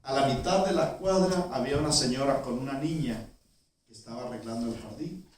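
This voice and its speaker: A male pastor telling a story in a sermon, with vivid storytelling that swings between loud and hushed. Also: medium pitch, brisk. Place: church sanctuary. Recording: echoey church from far off.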